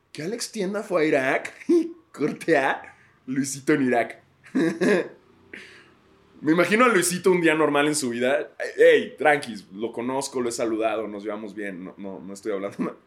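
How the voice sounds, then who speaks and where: A man with a Mexican accent hosting a podcast, rambling crudely in a casual comedic monologue and laughing often. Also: medium pitch. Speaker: podcast host.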